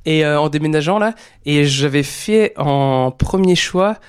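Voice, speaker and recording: A man with a fairly high voice chatting casually as a podcast host. He rambles with lots of fillers and restarts. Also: measured pace, smooth. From Portuguese heritage. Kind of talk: casual chat.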